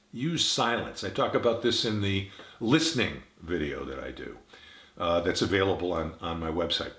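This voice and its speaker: A man's voice: fairly low pitch, a bit bright, roomy sound. A man giving an instructional talk on communication, demonstrating different tones of voice as he explains them. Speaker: communication trainer.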